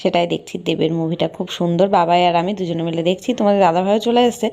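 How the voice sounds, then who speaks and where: A woman's voice: lowish voice, steady tone, racing, vocal fry, a little mellow. A middle-aged woman chatting casually in a home vlog, rambling with many fillers, recorded on a phone camera at home. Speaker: vlogger. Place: home kitchen and bedroom.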